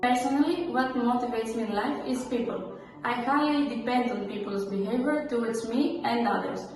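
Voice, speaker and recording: A woman's voice: fairly high pitch, normal speed. A young woman from Greece with a Greek accent, a student giving an earnest, prepared statement. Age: 20s. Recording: echoey hall, far from mic. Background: background music.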